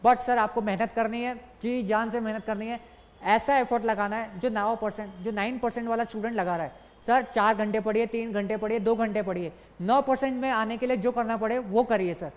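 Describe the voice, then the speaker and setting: A young man teaching an online exam-prep lecture, brisk and coaxing, repeating key points and calling his students "sir" constantly. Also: high voice, steady tone. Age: young adult. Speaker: exam tutor. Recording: long reverb, as in a large hall.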